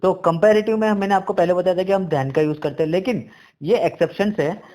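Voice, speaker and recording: A man's voice: high voice, darkish tone. Man teaching grammar in an Indian accent. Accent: Indian English. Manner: mixes English rule readings, read slowly, with quick explanations. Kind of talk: explanatory grammar lesson.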